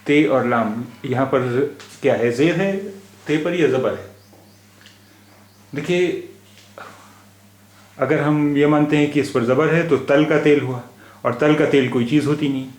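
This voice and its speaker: A man's voice: fairly high pitch, a little slow, pauses often, roomy sound. A man teaching a spelling lesson, patiently spelling out letters and repeating each word. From India. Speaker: language teacher.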